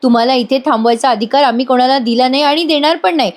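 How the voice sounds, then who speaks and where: A woman plays a calm elder brother in a family serial. He talks gently and reassuringly. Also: high-pitched, fast, close to an everyday voice.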